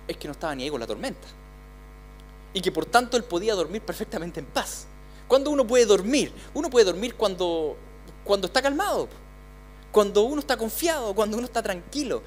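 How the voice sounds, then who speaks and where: Conversational Chilean pastor preaching. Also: male voice, high voice, a little hiss or hum. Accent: Chilean Spanish. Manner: conversational, repeats words, voices the disciples' pleas. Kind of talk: sermon. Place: church.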